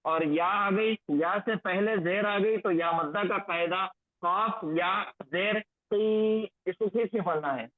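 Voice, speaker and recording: A man with a high voice teaches a Quranic Arabic recitation lesson, slowing down to drill each phrase again and again. The sound is thin and phone-like, with a dry, close feel and no room around it. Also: no room sound. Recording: tinny phone-like lo-fi audio, dry.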